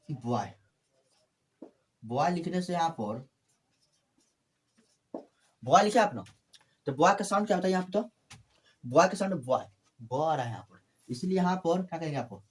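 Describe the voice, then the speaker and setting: Guy teaching english grammar, kinda high voice, repeats stuff over and over. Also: lively intonation, normal speed, pauses often. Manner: repetitive, addresses viewers as friends. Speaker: English tutor. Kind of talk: classroom grammar lesson.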